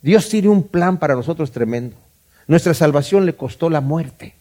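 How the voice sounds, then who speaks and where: A man's voice: a little high, lively intonation, moderate pace, dark tone. A middle-aged man from Mexico with a Mexican Spanish accent, teaching a Bible study in a conversational way, often repeating words and asking "¿verdad?".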